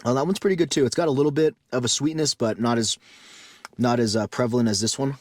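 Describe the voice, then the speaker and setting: A man's voice: mid-range voice, fast, a little mellow, no room sound. A man chatting casually to his viewers while he cooks breakfast outdoors at a mountain campsite, vlog style. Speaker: camping vlogger. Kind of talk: casual vlog talk to camera. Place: outdoor mountain campsite, then inside a tent.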